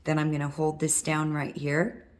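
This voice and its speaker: A woman with a low, worn-out, hoarse voice walks through a hands-on wire craft lesson. She is middle-aged and husky, and she talks casually while she works. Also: completely flat delivery, moderate pace. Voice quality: husky from vocal cord nodules. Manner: chatty, talks while working with her hands. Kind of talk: step-by-step craft tutorial.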